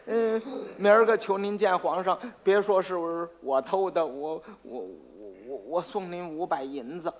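A man's voice: sits high, normal speed, few pauses, lightly acted. A man voicing a frightened male thief who stutters as he begs and pleads. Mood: fawning. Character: stammering, frightened male thief begging a fortune teller.

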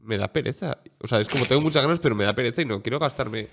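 A man co-hosts a relaxed podcast in a medium-pitched voice. He muses hesitantly and fills his talk with "o sea" and "en plan". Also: rapid-fire, gravelly, background noise. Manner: hesitant, filler-heavy musing. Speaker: podcast co-host. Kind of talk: casual podcast chat.

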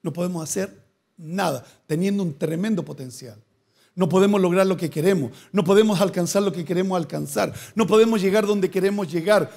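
The preacher's voice sits high and sounds gravelly yet a little mellow, moving a bit fast. Throughout his sermon he asks rhetorical questions and rises into emphatic, repeated phrases.

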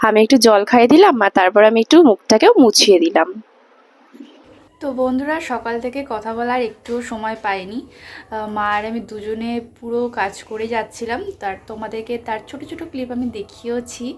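A young woman with a Bengali accent chatting casually to her viewers in a home vlog, talking softly because of a sore throat. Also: on the high side. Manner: chatty, tag questions to viewers. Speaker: vlogger.

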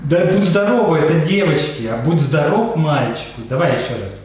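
A man's voice: a little high, normal speed, noisy background. A man chatting casually to a pet bird at home, using affectionate pet names and coaxing repetition. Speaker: parrot owner. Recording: very echoey room, music over it.

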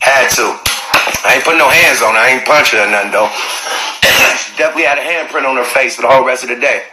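A man's voice: medium pitch, fast, pushed and bright. Man telling stories on a noisy livestream. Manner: profane, laughs often mid-sentence. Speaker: livestream host. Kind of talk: casual storytelling on a livestream. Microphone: phone. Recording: roomy, noisy phone livestream.

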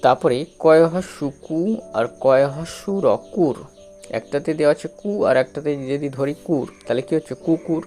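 A man teaching a spelling lesson, sounding out syllables slowly and repeating them, with regular checks that the learner follows. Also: fairly high pitch, warm tone, faint music behind. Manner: slow, repetitive, drawn-out syllables with frequent checks.

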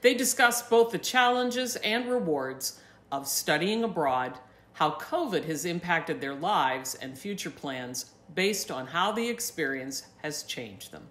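Middle-aged female host, low and animated, roomy home recording. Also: a little slow. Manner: expressive, presenter-like. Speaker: arts center director. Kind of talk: scripted introduction. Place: home study. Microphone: webcam. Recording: roomy webcam sound.

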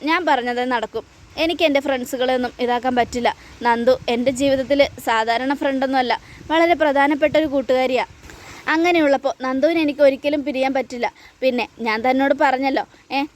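A woman reading the lines of a stubborn young man who insists on keeping his friend, firm and insistent, in her own high voice. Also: natural voice.

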